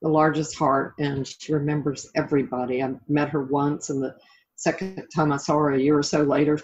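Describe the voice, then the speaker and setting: A middle-aged woman, an author and life coach, chats informally and reflectively as a guest in a casual interview. Her voice is low-pitched and darkish, with fairly even intonation and a brisk pace, captured as dull lo-fi call audio.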